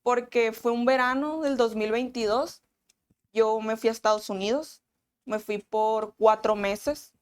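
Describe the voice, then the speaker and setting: A young woman telling her own story as a guest, earnest and halting, often restarting her sentences. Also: on the high side, fairly even intonation, clear, resonant tone. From Mexico. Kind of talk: personal testimony.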